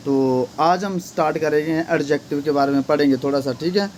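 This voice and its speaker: A man's voice: fairly high pitch, a little fast, darkish tone, slight background noise. A man teaching an English grammar lesson, repeatedly asking questions and answering them himself.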